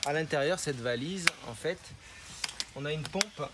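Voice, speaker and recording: A man's voice: fairly high pitch, measured pace. A man who farms spirulina, patiently explaining his process step by step in an interview. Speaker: spirulina farmer. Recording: noisy ambient background.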